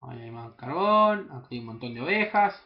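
A young man with a Rioplatense Spanish accent giving casual, excitable, profanity-laden commentary while playing a video game, sometimes breaking into high yelps. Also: brisk, highs cut off. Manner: excitable, swears often, jumps into high yelps. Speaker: gaming channel host. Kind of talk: casual let's play commentary.

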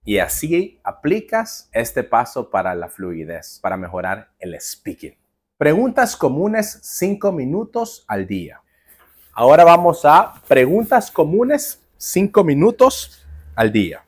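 A man teaching an online lesson for call center jobs, speaking directly to the viewer with lively, playful promises. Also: a little high, slow, husky.

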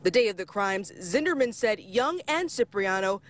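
A woman's voice: mid-range voice, expressive, normal speed, noisy background. An American woman, a television reporter, delivering a scripted live news report. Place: outdoors on courthouse lawn. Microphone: lapel.

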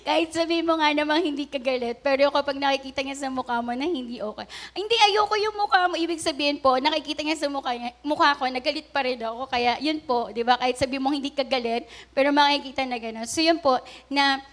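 A woman's voice: sits high, quick pace, a bit bright. A woman pastor giving a casual, conversational sermon, often adding polite asides and questions to the congregation. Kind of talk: Taglish sermon.

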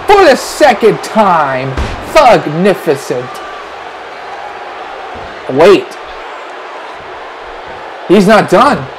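Excitable man calling wrestling, high and lively. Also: extremely slow, long pauses. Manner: excitable, shouts at big moves. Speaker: wrestling play-by-play commentator. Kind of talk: excited wrestling commentary over a video game match. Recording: noisy with crowd roar behind.

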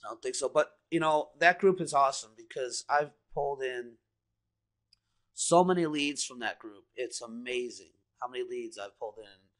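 A man's voice: mid-range voice, normal speed, fairly bright tone. A man giving a casual screen-share walkthrough as an online marketer, rambling and enthusiastic, full of fillers like "you know" and "guys". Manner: enthusiastic, salesy. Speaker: online marketer walking through a screen demo.

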